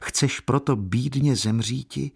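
A man voicing a gentle, composed young noblewoman in a read-aloud novel, speaking softly and graciously. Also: medium pitch, gravelly, husky, pitched above the performer's own voice. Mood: whispering. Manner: soft, gracious.

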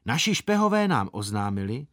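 A man reading a children's story aloud in a lively, playful way. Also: mid-range voice, no echo, clean studio sound. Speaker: audiobook reader. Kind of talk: expressive storybook narration.

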